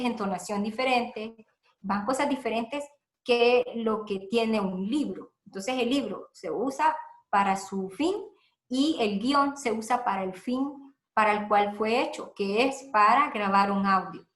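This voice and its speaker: A woman's voice: a little high, a bit bright. Honduran woman teaching in an echoey room. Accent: Honduran Spanish. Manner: explanatory, repeats points, frequent "eh" fillers. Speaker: teacher giving a seminar talk. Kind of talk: instructional talk on recording radio audio.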